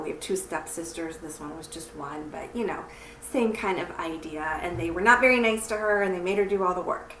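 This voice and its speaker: Her voice is fairly low yet fairly bright as she tells stories to children and speaks with them in an easy, encouraging, teacherly way. She's a church teacher and children's story reader, and her friendly read-aloud is picked up by a far-off mic in a roomy space with faint noise.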